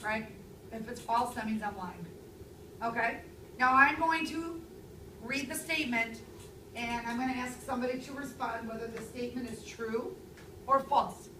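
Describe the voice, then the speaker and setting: A woman in her thirties teaching a classroom language lesson, speaking clearly and stressing key words. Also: fairly high pitch, normal speed, noisy background. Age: 30s. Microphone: far camera. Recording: echoey classroom from far off.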